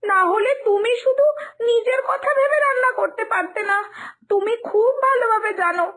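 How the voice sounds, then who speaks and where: A woman plays an angry young sister-in-law in a cartoon story, shrill and accusing, close to tears. Her voice is very high. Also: normal speed, a bit bright.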